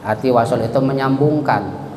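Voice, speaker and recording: A man's voice: mid-range voice, normal speed, a little mellow. A man teaching Quran recitation rules, chanting verses and then correcting them. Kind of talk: tajwid lesson at a mosque study circle. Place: mosque hall. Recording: echoey hall with long reverb.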